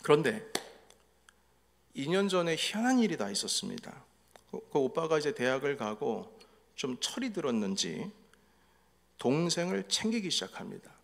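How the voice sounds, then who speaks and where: A man's voice: on the high side, sing-song, normal speed, creaky, long pauses. A middle-aged man preaching a sermon as pastor, telling family stories and acting out what was said. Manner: storytelling, acting out family quotes. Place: church sanctuary. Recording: echoey hall reverb.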